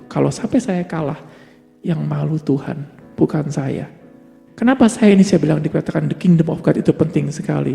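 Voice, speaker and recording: A man's voice: fairly high pitch, creaky, warm tone. A man preaching a sermon, asking rhetorical questions and answering them himself, building to emphatic peaks and dropping English words into his talk. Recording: long hall reverb with faint music behind.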